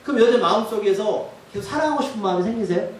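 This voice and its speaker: A man's voice: high voice, expressive, racing. A male pastor preaching a sermon, often putting questions to the congregation. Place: church sanctuary. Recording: echoey church hall from far off.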